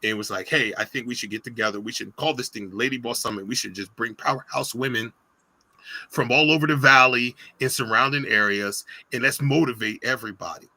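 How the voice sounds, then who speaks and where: A middle-aged man talks like a podcast guest, animated and emotional, often restarting his sentences and acting out quotes. His voice is bright and forceful, and it is recorded dry and close with little room sound. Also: mid-range voice, brisk, no echo, poor audio. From United States. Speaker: podcast guest, business founder. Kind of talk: casual storytelling interview.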